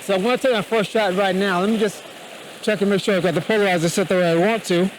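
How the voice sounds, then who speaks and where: A man giving a casual photography tutorial outdoors, talking up to be heard beside a rushing river. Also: sits high, steady tone, poor audio. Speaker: photography vlogger. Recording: loud rushing stream noise. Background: rushing water.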